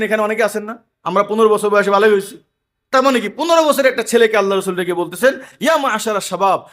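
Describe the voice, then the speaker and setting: A man's voice: very high-pitched, a bit bright. A man preaching an emphatic sermon to a gathering, telling everyday anecdotes.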